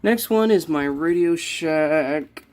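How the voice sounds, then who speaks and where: A young man with a higher, darkish voice takes his time showing off his radio collection in a small, cluttered room, rambling and correcting himself. A little hiss or hum sits in the recording.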